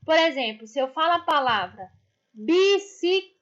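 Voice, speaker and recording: High-voiced Brazilian teacher, slow and patient. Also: female voice, animated, fairly bright tone. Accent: Brazilian Portuguese. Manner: affectionate, drawn-out explanations for children. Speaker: primary school teacher. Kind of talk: online class lesson. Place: indoors, construction noise nearby. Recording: muffled lo-fi home recording.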